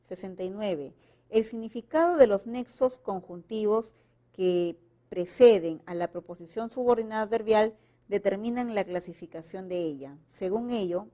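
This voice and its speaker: A woman's voice: mid-range voice, moderate pace, dark tone. A woman teacher from Peru, working through exam questions and reading the example sentences aloud with marked intonation. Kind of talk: explaining exam answers.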